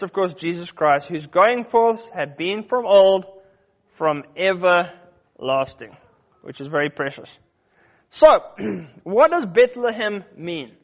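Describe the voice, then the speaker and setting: High-voiced man preaching a Bible sermon. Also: fairly bright tone. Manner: teaching Bible verses, questioning the audience, with fillers and restarts.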